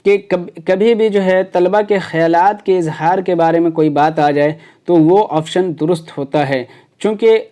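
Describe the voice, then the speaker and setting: A man's voice: sits high, dark tone. A man teaching exam preparation, explaining step by step with frequent hesitations. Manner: explains step by step with many fillers. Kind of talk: exam prep lecture.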